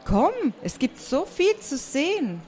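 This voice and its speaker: A friendly young bat, chatty and lively, a little higher than an everyday voice, as a woman puts him on while reading. He talks in quick, cheerful bursts in a storybook manner. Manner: bright and chatty, sleepy when woken.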